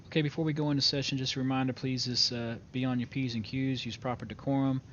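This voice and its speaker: A man role-playing a judge in court, announcing formally like a court clerk, with hesitant pauses. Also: little pitch movement, fairly bright tone. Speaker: judge in an online role-play game. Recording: dull lo-fi mic with clear rumbling noise.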